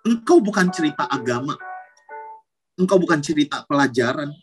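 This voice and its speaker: A man's voice: a little high, animated, normal speed, soft background music, poor audio. A man, a youth pastor preaching casually with slang and praying aloud in tongues while calling out names. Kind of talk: youth sermon and prayer in tongues.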